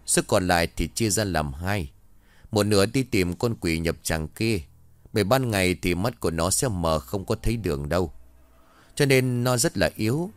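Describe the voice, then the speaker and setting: A man's voice: deep voice, animated, normal speed, no echo. A man doing a grave old village exorcist.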